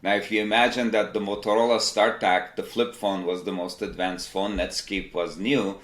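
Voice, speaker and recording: A man in his fifties from Turkey, a company CEO, answering interview questions in a measured, explanatory way. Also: lowish voice, little pitch movement, fairly bright tone. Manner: measured, explanatory, lists examples. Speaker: tech company CEO, guest. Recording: echoey room.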